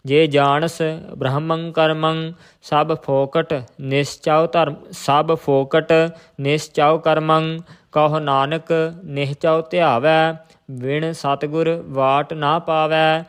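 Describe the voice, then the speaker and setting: Male recitation teacher, measured and monotone chant, fairly high voice. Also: clean tone. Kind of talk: slow scripture recitation with pronunciation tips.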